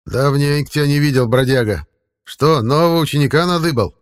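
A man voicing a small, grumpy, sly old male forest spirit with a slightly creaky, folksy voice. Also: a little high, fairly quick, voice pushed up, close to an everyday voice. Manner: folksy, grumbling.

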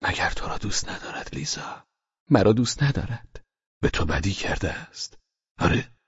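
A man voicing an anxious, earnest gentleman in an audiobook, coaxing and pleading. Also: fairly low pitch, lively intonation, slightly rough, no room sound, highs cut off. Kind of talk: audiobook character voice.

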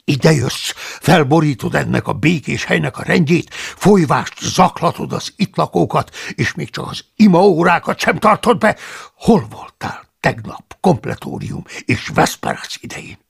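A man's voice: mid-range voice, lively intonation, creaky, husky, full character voice. A man voicing a stern, indignant older male abbot who scolds and blusters, in an audiobook reading. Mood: furious scolding. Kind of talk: audiobook character voice.

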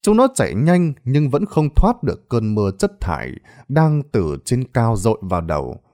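A man narrating a Vietnamese ghost story in a scripted, storytelling style. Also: normal speed. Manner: expressive storytelling with lively pitch. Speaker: horror storyteller.

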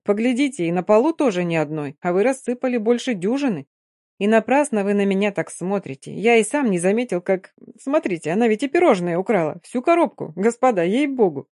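A man's voice: sits high, sing-song, fairly quick, a little mellow, no room sound, clean studio sound. A woman doing an eager smitten young officer. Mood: excited. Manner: enthusiastic, exclaiming.

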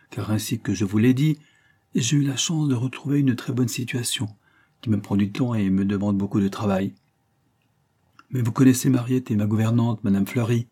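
A man's voice: on the low side, dark tone, husky. A man voicing a loyal old secretary. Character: loyal older male former secretary, gentle.

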